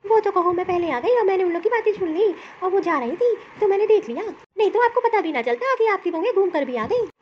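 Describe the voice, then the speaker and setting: Woman doing a sly, shrill tattletale daughter. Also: animated, fairly quick, hardly any pauses, dull audio, a little hiss or hum. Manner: gleeful, sly. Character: scheming tattletale young daughter. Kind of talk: cartoon story voice acting.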